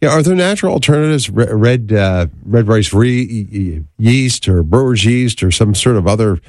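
Low-voiced male radio host, dry studio sound. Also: expressive, moderate pace, darkish tone, no room sound. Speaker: radio call-in show host. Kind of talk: conversational radio hosting.

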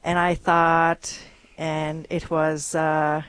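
A woman from Hungary, a guest on a radio show, telling her story earnestly with many pauses and ums. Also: deep voice, level tone, fairly bright tone, clear, resonant tone, no echo. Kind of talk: interview conversation.

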